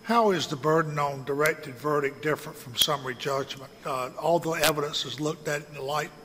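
A man presiding as a judge, speaking formally and haltingly as he questions counsel in court. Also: fairly high pitch, sharp tone. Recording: echoey hall with faint noise.

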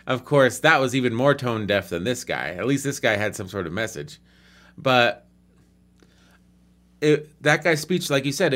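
A man of ordinary pitch talking casually about a film with a friend. He tells it with energy and slips into other people's voices when he quotes them. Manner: animated, acts out quoted people. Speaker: co-host discussing a film. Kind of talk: casual chat.

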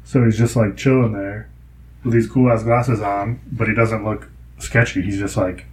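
A man's voice: on the low side, fairly even intonation, normal speed, poor audio. A young man chatting casually, telling rambling stories full of fillers. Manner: rambling, filler-heavy storytelling. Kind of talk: casual chat.

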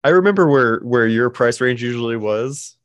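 A man in his twenties chatting casually with friends, easygoing and profane, often pausing on "uh.". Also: medium pitch, expressive, no room sound. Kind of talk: casual chat.

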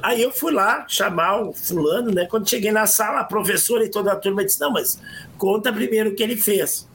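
Guy, high bright voice, telling a story in a podcast chat, acts out quotes. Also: fairly quick, a little hiss or hum. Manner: animated storytelling with acted quotes and restarts. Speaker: podcast co-host.

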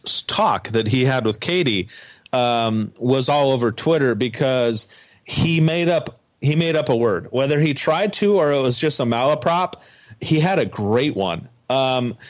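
A man co-hosting a podcast, animatedly recapping a TV episode in casual chat, with frequent ums and restarts. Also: mid-range voice. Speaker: podcast co-host.

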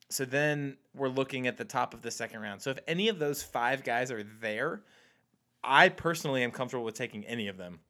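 A man's voice: mid-range voice, a bit bright. Man losing his voice, talking sports. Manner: analytical, laughs at himself. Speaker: podcast co-host. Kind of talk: casual sports chat.

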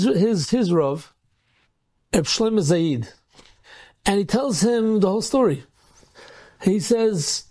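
A man, a rabbi, telling an inspirational story and acting out the dialogue with energy. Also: high voice. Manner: animated, acts out dialogue in quotes.

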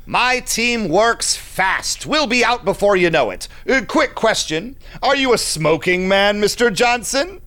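In an audio drama with narrated asides, a man plays a shady, condescending vampire businessman, confiding in an unctuous, theatrical way. His voice is high, bright, pushed and exaggerated, with lively intonation, an unhurried pace and few pauses. He sounds smooth and assured.

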